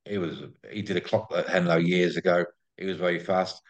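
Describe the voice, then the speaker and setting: Interview guest: English man, deep voice, effusive casual chat, repeats himself for emphasis. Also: flat delivery, a little fast, muffled recording. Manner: effusive, repeats words and phrases. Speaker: interview guest, greyhound track promoter.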